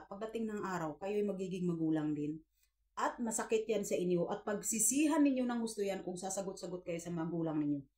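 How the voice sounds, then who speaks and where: Woman, fifties, earnest, preachy, casual vlog advice, middle pitch. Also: a little mellow. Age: 50s. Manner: earnest, preachy, addresses viewers as guys, acts out quoted dialogue. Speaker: vlogger giving life advice. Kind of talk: casual advice talk to viewers.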